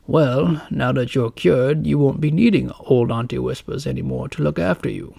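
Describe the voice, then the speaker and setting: A man's voice: mid-range voice, moderate pace, vocal fry, dark tone, slightly rough, no echo, clean studio sound. A man voicing a stern old woman guardian in a storybook reading, speaking in warnings. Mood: tender.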